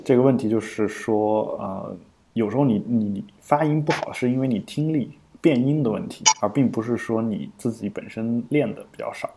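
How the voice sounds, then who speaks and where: A man's voice: fairly low pitch, normal speed, creaky, mellow, a little hiss or hum. A man co-hosting a podcast in casual explanatory chat, thinking aloud with frequent fillers and restarts. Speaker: podcast co-host.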